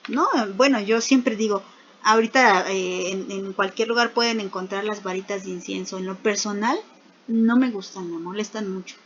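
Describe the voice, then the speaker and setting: A woman leads a Bible study in a fairly high voice. She talks patiently and circles back to repeat key words for emphasis. The recording sounds dull and muffled. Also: a little hiss or hum.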